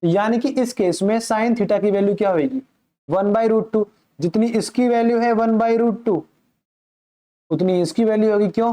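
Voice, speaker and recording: This maths teacher is high-pitched with a warm tone. His classroom explanation is patient, built on questions he asks aloud and answers himself, with key points repeated and listeners addressed politely all along.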